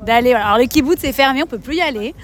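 A woman's voice: high voice, lively intonation, racing. A woman from France, a volunteer, answering a street interview outdoors in an earnest way.

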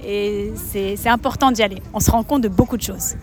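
A woman's voice: medium pitch, fairly even intonation, brisk, soft background music. A woman from France, a volunteer, answering a street interview outdoors in an earnest way.

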